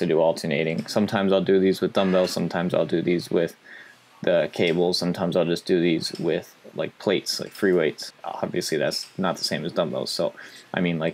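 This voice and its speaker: A young man with a deep, low voice narrates his training session in a casual, explanatory coaching manner. He talks as if chatting to his followers. A faint background hum sits under the voice. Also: fairly even intonation, fairly quick, darkish tone. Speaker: fitness vlogger.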